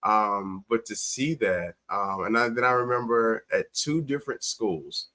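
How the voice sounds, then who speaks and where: Unhurried and sharp-toned, a man with a lowish voice guests on a talk show, where the teacher recounts his own experiences and performs the quoted lines with emphasis.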